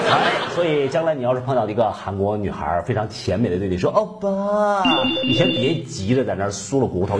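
Mocking male talk show host. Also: medium pitch. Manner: mocking, chuckling asides. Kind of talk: satirical commentary monologue. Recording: loud background noise.

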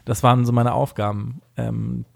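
A man's voice: mid-range voice, flat delivery, moderate pace, gravelly, a little mellow, dry recording, clean studio sound. A young man with a slight Franconian German accent and a rolled r, chatting casually as a podcast co-host.

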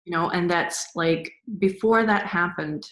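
A woman with a somewhat low voice shares her experiences in a relaxed interview. She wanders through her thoughts with frequent "like" fillers and small laughs. The sound carries a roomy echo. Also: measured pace. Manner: rambling, many "like" fillers, soft laughs. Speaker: guest. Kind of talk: casual spiritual interview chat.

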